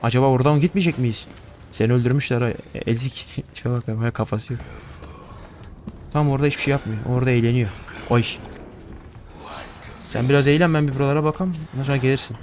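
A man's voice: mid-range voice, fairly even intonation, quick pace, pauses often, a little mellow, slight background noise. A young man giving casual horror gameplay commentary, nervous and joking, swearing often as he plays. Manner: jittery, profane, joking to himself. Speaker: gaming streamer.

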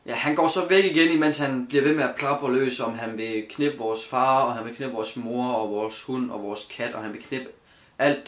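A young man speaks to camera in a casual story-time vlog, his voice sitting at an ordinary middle pitch. He sounds earnest and hesitant, filling gaps with ums and restarting sentences. The room around him rings with noticeable echo. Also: a bit bright. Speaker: YouTuber telling a story. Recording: echoey room.

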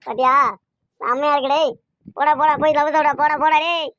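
A woman's voice: high-pitched, steady tone, fast talker, a bit bright, dry recording. Woman doing a brash, teasing young man. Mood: mocking. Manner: brash, boastful, mocking. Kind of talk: cartoon voice acting.

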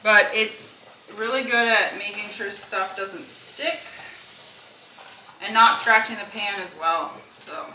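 Here the same kind of home-kitchen cook-along is narrated by a young woman whose medium-pitched voice sounds bright and forceful yet steady, and she takes her time. She's a casual, chatty vlogger who thinks aloud over a sizzling pan, recorded in an echoey kitchen with a little noise.

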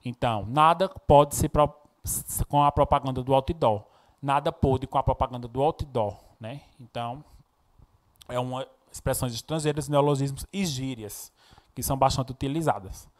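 A man with a Brazilian accent from the Northeast, speaking at a middling pitch as he teaches a recorded Portuguese lesson. He explains patiently and often checks in with his students. He reads poems aloud with expressive intonation. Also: normal speed. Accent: Brazilian Portuguese, Pernambuco. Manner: explanatory, frequent tag questions, expressive when reading poems. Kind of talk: recorded classroom lesson with poem readings.

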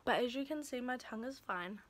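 A woman's voice: fairly high pitch, expressive, brisk. A young woman chatting casually to camera as a vlogger, with a slight lisp as if her tongue is swollen, recorded in a small bedroom. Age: young adult. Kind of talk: casual vlog chat to camera. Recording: noisy home webcam-style audio.

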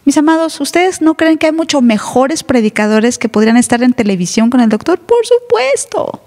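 A woman's voice: a little high, fairly even intonation, fairly quick, a little mellow. A woman pastor, preaching an emphatic, teasing sermon in church. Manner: emphatic, teasing, plays other voices. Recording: live church hall reverb.

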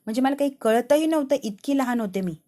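A woman voicing a cheerful young woman who calmly encourages a friend not to lose hope. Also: fairly high pitch, fast talker, natural voice. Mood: reassuring. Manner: soothing, encouraging.

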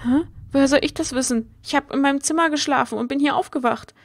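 A woman's voice: sits high, fast. [name], a woman reading as a snappish spoiled girl. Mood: defensive. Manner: snappish and haughty. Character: bossy bratty girl, a spoiled bully. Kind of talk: reading game dialogue aloud.

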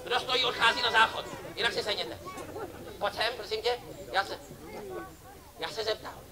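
A man performing as a street clown for children at an outdoor summer festival, joking and teasing volunteers from the audience. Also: high-pitched. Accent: Czech. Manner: playful, teasing banter with kids and audience. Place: outdoor festival stage before a crowd. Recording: lively crowd behind.

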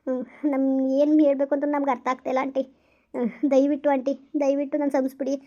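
A woman's voice: high-pitched, little pitch movement, quick pace, dark tone, dull audio, close to an everyday voice. A woman playing a remorseful young village wife. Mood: pleading. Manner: pleading, tearful apologies. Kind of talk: village family drama.

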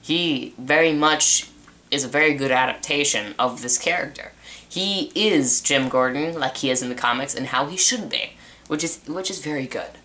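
A man's voice: medium pitch, normal speed, pushed and bright. A young man giving a casual spoken review of a TV season, rambling with restarts and fillers. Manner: rambling, repeats himself with many restarts and uh fillers. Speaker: TV show reviewer.

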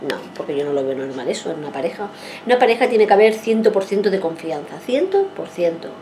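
A woman's voice: on the low side, lively intonation, fast talker, mellow, faint music behind. A woman in her forties, a vlogger telling a long story to her viewers in a rambling way, repeating herself and acting out what people said. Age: 40s. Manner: rambling, repeats herself and acts out quoted speech.

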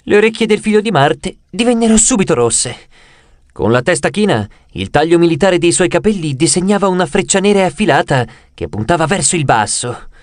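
Male narrator, audiobook reading, fairly high voice, dry close studio sound, expressive storytelling. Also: fairly quick, no echo. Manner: expressive storytelling, voicing characters' dialogue. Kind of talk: scripted narration.

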